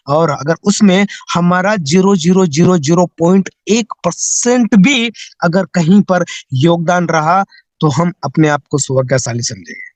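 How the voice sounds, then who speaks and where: A man's voice: high voice, a bit bright, no echo. A man delivering a motivational speech about network marketing, firing rhetorical questions at listeners in a preachy, pleading manner.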